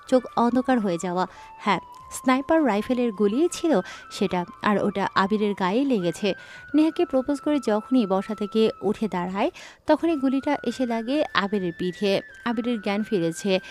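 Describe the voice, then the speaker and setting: A woman narrating a dramatic story in a scripted, expressive reading. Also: a little high, slight background noise. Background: faint background music.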